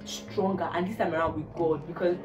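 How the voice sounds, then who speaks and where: A young woman with a Nigerian accent vlogging at home, ranting about a hard week with exasperated, animated talk. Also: lowish voice, a little fast, over music. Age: young adult. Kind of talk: casual vlog rant. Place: indoors, living room. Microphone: phone camera.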